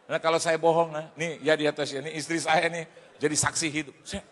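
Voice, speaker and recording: Animated pastor man, bright high voice. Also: brisk. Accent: Indonesian. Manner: animated storytelling, acting out shouted dialogue with laughter. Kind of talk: humorous sermon testimony. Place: large church hall. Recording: hall reverb from a church.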